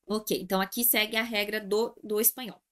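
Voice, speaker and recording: A woman's voice: medium pitch, steady tone, fairly quick. A Brazilian woman teacher going through an exam review lesson, explaining each point step by step, repeating key terms and calling her students "gente". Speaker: Portuguese language teacher.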